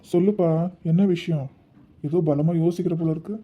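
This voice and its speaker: A man playing a kindly middle-aged employer in an amateur family skit, speaking calmly and reassuringly. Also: a little high, brisk, breathy edge. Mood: curious. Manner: calm, reassuring, fatherly. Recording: dull lo-fi recording.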